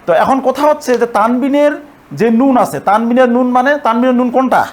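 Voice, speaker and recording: A man teaching Arabic grammar in a patient, step-by-step way. He repeats his points, keeps checking that listeners follow, and slows down to spell out the Arabic examples syllable by syllable. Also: extremely high pitch. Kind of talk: explanatory lesson.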